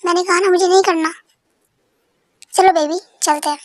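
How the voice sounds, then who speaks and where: A woman's voice: very high-pitched, steady tone, normal speed, dry recording, studio quality. A woman voicing a cool, teasing young man in a fan-dubbed story, smug and dismissive.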